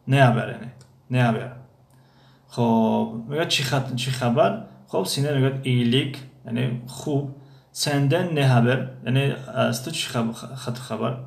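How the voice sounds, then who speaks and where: A man teaching a language lesson from a textbook, explaining phrases with many hesitations and slow repetitions. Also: mid-range voice, vocal fry, a little mellow. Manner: hesitant, many pauses and fillers, repeats phrases slowly. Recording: echoey room.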